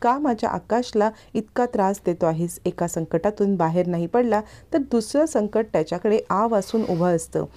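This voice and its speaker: A woman's voice: mid-range voice, animated, normal speed, few pauses, warm tone, voice pushed up, lightly acted. An old grandmother laments to her god in a pleading voice, put on by a woman retelling a serial. She is fiercely protective of her grandson. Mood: lamenting.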